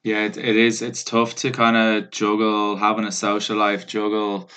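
A man's voice: lowish voice, monotone, normal speed, pushed and bright, clear, resonant tone. A man interviewing a guest in a casual, informal conversational way, restating phrases as he goes. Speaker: interviewer, fitness coach.

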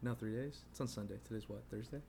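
Warm and on the low side, this man's voice moves fast as he co-hosts a relaxed podcast in his twenties. He rambles, leans heavily on fillers, and laughs frequently, with slight hiss or hum in the audio.

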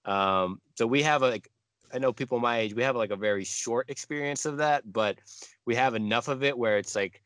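A man in his mid-twenties, a guest answering casually in a halting way with many fillers. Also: medium pitch, a bit bright, clear, resonant tone, dry recording. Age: 20s. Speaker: guest musician. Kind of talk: casual conversational interview.

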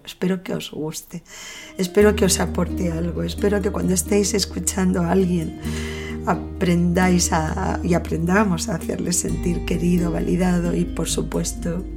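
A woman's voice: fairly low pitch, vocal fry. A middle-aged woman, a therapist hosting a podcast, talking thoughtfully through anecdotes. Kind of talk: reflective podcast monologue.

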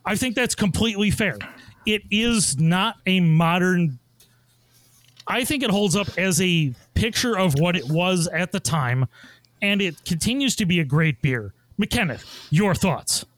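Male podcast moderator, high-pitched and animated, conversational delivery. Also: a little slow. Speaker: podcast host moderating a panel. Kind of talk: casual podcast discussion.

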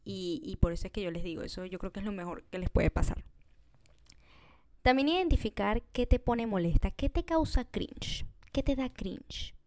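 A chatty woman hosts a casual solo podcast, talking straight to listeners with frequent "you know?" tags and mixing English words into her Spanish. Her medium-pitched voice is animated and dark in tone, at a normal speed. The audio has no echo.

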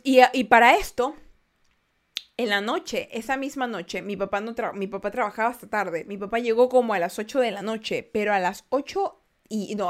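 A young woman telling true ghost stories in casual podcast talk, acting out quoted lines with loud bursts and often restarting her sentences. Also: fairly high pitch. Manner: frequent restarts, turns quiet and reflective. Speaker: podcast host. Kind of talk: casual storytelling.

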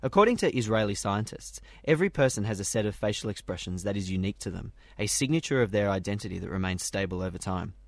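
A man's voice: on the low side, animated, quick pace, hardly any pauses, no echo. A man reading scripted science news items for a radio programme.

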